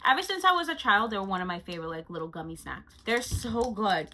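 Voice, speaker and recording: Bright-voiced woman gushing in a vlog. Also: mid-range voice, lively intonation, fast, poor audio. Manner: gushing and chatty, with frequent "like". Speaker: lifestyle vlogger. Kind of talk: casual monthly recap vlog.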